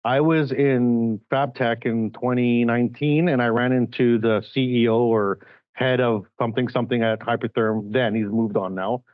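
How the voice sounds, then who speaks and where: Animated man from Chile hosting a podcast. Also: medium pitch, normal speed, dry recording, narrow, tinny audio. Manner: animated, emphatic, builds points with examples. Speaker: podcast host. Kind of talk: casual interview chat.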